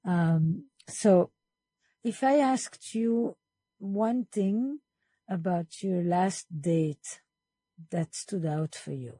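A woman's voice: lowish voice, mellow, husky, no room sound. A woman hosting a panel conversation, reflective and thinking aloud as she moderates. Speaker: host.

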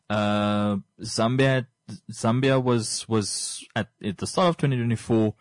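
Male commentator, Namibian accent, lowish voice, dry close sound. Informal but wordy explainer, halting, circles back on phrases. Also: darkish tone, dry recording. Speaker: current affairs commentator.

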